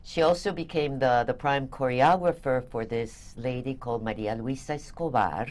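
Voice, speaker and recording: An older woman from Venezuela, a guest telling her story in an interview, animated and quick to laugh. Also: rumbling low. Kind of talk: interview conversation.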